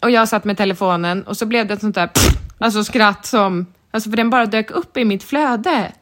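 Podcast co-host, woman, chatty, quick to agree and laugh. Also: medium pitch, fairly bright tone. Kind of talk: casual chat.

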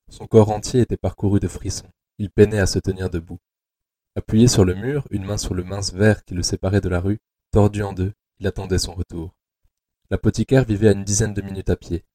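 A man narrating an audio adaptation of a dark novel in a slow, measured, tense way. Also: sits low, fairly even intonation.

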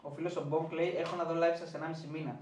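A man's voice: on the high side, flat delivery, a little mellow. A man co-hosting a casual football chat show, reading out viewer comments through a faulty microphone. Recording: roomy, distant from the mic.

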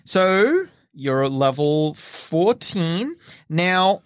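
A man's voice: sits high, sing-song, extremely slow, clean tone, no room sound, clean studio sound. A man running a tabletop game in casual chat, explaining rules and helpfully suggesting options as game master.

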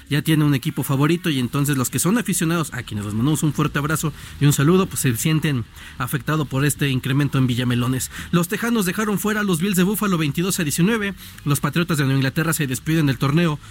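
Mexican sportscaster, brisk and bantering. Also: male voice, on the high side. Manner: brisk newsreading mixed with joking banter. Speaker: sports reporter. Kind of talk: radio sports news.

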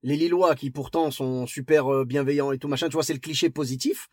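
A man's voice: mid-range voice, steady tone, fairly quick, darkish tone, no echo, clean studio sound. A man hosting a casual podcast interview, asking probing questions and correcting his guest. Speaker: podcast host.

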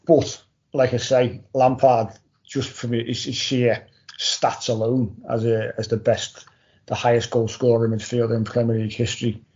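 A male panellist talks football casually, stressing points by repeating them. His pitch is average and moves very little, and the recording is somewhat dull and lo-fi. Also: flat delivery, normal speed, a little mellow. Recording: dull lo-fi audio.

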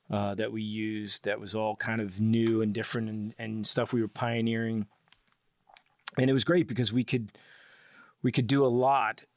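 A man with a lowish voice speaks as a guest in a relaxed interview. He rambles enthusiastically through his stories and often starts his sentences over. His voice sounds dry and close. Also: no echo. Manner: enthusiastic, rambling explanations with frequent restarts. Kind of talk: casual interview storytelling.

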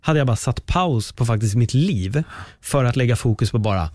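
A young man hosting a podcast, telling a story in lively casual chat and swearing freely. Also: medium pitch, no room sound, clean studio sound. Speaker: podcast host.

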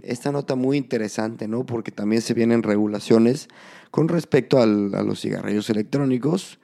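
A man presents news in a casual, conversational podcast style. His voice is dark and soft-edged, with a gravelly hoarseness from a slight cold. He speaks straight to the listener, often checking in with little tag questions. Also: mid-range voice. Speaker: podcast host.

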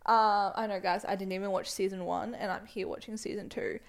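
A woman's voice: mid-range voice, fairly even intonation, a little fast. A young woman co-hosting a podcast in casual chat, reflective and asking probing questions. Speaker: podcast co-host.

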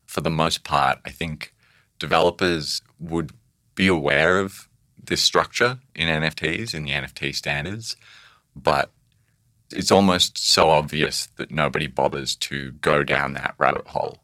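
A man whose voice has been disguised and pitched very deep, explaining an NFT project in a casual interview, thoughtful and halting, with restarts. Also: bright, forceful tone, dry recording, studio quality. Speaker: pseudonymous NFT project creator.

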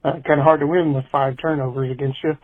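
A man's voicemail played back over a thin, phone-like line, dry and close with no room around him. He talks in a flat, level way, blunt and casual. His pitch sits a bit high for a man. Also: quick pace, no echo. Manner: blunt, swears casually, shrugging. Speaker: caller. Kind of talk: casual call-in rant.

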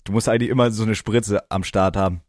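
A man's voice: fairly low pitch, steady tone, fast, dry recording, studio quality. A young man co-hosting a podcast, joking crudely and teasing his friend in casual chat. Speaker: podcast co-host.

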